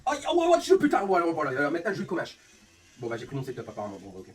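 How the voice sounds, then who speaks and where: Streamer, feverish, furious and swearing, higher voice, rapid-fire delivery. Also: male voice, far from the mic, background noise. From northern France. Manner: fuming, swearing constantly, rapid and animated. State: sick with a fever, voice affected. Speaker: streamer and league organizer. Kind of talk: angry live-stream rant. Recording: faint room ambience, off-mic.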